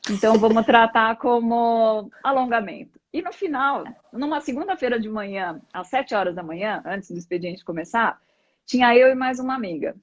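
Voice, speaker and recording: As a guest on a live interview, a middle-aged Brazilian yoga practitioner explains her thinking reflectively and conversationally, drawing on examples. Her voice leans high and she speaks at a moderate pace; the recording is dry but the live stream sound is dull and lo-fi.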